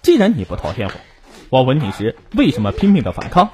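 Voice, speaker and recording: A man's voice: medium pitch, huge pitch swings, fast talker, a little mellow. A man narrating a crime story voices a violent male attacker who snarls threats. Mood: menacing.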